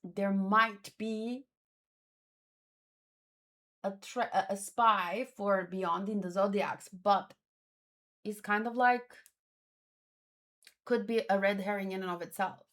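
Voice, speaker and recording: Slow and frequently pausing, a woman with a mid-range, slightly bright voice hosts a manga read-along. She gives casual reactions while musing aloud, hesitating and repeating words often.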